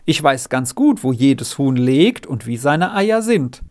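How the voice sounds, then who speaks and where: A man's voice: medium pitch, takes it slowly. A male storyteller voicing an eager, cheerful young farmhand boy. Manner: eager, excited.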